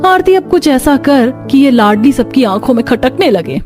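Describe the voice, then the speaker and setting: A woman gives voice to a jealous young cartoon daughter-in-law, sarcastic and sharp-tongued, her voice pitched fairly high. Faint music plays behind her. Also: lively intonation, moderate pace, lightly acted. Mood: gloating. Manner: sarcastic, complaining. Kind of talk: cartoon voice acting.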